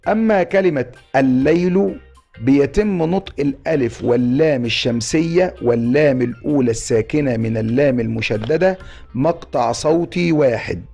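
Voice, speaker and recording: A man with an Egyptian Arabic accent giving an online grammar lesson, explaining step by step and spelling out syllables slowly. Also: medium pitch, creaky, dark tone, roomy sound, soft background music.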